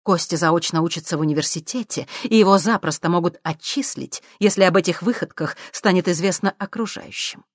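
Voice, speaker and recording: A woman reading an audiobook, voicing a cold, ruthless mother who speaks calmly and with menace. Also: lowish voice, no room sound, studio quality, pitched above the performer's own voice, natural voice. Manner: calm, cold, measured.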